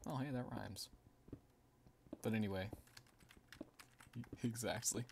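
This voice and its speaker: Guy streaming a game, kinda low voice, rambly chatty, reads chat out loud, faint keyboard clicks in the back. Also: slow, vocal fry, a little hiss or hum. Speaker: livestreamer. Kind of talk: casual gaming stream chat.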